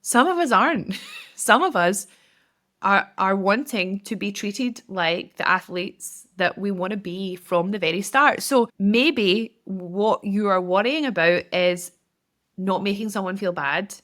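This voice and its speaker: A woman's voice: medium pitch, measured pace, fairly bright tone. A woman, giving casual, direct podcast advice as a business coach, with lots of "like". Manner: chatty, direct, filler-heavy with frequent "like".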